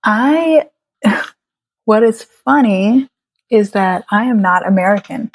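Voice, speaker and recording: Speaking slowly in an animated, medium-pitched voice, a late-twenties woman who grew up in Florida after coming from Trinidad talks thoughtfully as a guest in a relaxed interview about her work as a birth photographer. Full of fillers, she laughs frequently.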